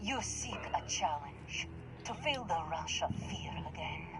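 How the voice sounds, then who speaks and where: Cold young huntress in a game, ice-cold threats, noisy mix. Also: female voice, on the low side, lively intonation, measured pace. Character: young woman hunter, cold and ruthless daughter. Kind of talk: video game cutscene.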